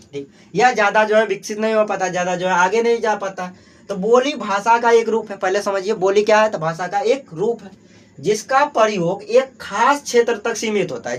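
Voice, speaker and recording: Man, Bihari Hindi accent, high-pitched, grammar teacher, self-answering questions, many fillers. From Bihar, Mithila region. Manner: asks and answers his own questions, heavy filler "jo hai". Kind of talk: exam-prep grammar class.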